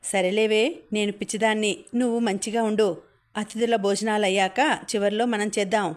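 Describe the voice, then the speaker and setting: Give me a doting, pleading middle-aged mother, read by a woman in an audiobook, with a level, even delivery. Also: medium pitch, moderate pace, close to an everyday voice. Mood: coaxing.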